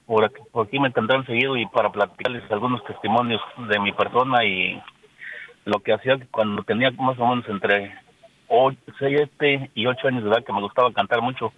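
A man with a Michoacán accent phones in to a radio show. His mid-pitched voice comes through a dull, muffled phone line. He speaks devoutly and hesitantly, with fillers. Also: fairly even intonation, moderate pace. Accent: Michoacán Mexican. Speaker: caller.

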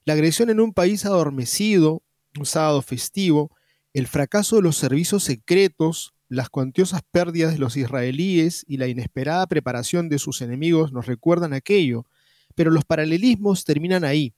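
Man, reads article aloud, steady formal delivery, fairly high voice, dry sound. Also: normal speed, no echo. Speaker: article reader. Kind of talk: reading a news article aloud.

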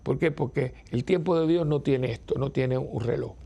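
Older priest, husky gravelly voice, chatty and chuckling, breaks off and restarts. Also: male voice, mid-range voice, moderate pace, mellow. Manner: conversational, self-interrupting, chuckling. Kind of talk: informal spiritual talk.

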